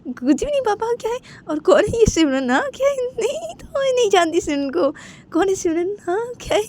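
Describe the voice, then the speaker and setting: A woman's voice: very high voice, very animated, fairly quick, a little mellow, voice pushed up. A woman voicing a college-age daughter who pleads with her father, repeating "papa" over and over in an amateur spoken story. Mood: flustered. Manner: repetitive, pleading with many "papa"s.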